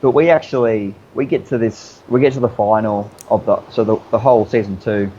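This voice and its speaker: A man's voice: on the low side, fairly even intonation, brisk, dark tone, husky, highs cut off. A man chatting casually as a guest, telling stories in an easygoing, rambling, slangy way. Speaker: interview guest, obstacle racer. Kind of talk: casual storytelling chat.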